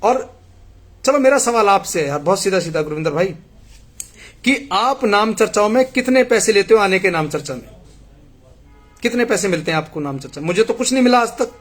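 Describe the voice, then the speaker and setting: A man with a fairly high voice hosts a live stream. He reads viewer messages aloud and answers them earnestly, arguing his point and speaking straight to his audience. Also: expressive, brisk, long pauses. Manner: earnest, argumentative, addresses viewers directly. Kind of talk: casual live commentary reading messages.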